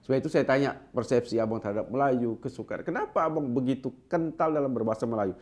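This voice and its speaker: A man hosting a casual interview, asking slow, measured, emphatic questions. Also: mid-range voice, darkish tone. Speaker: interviewer host.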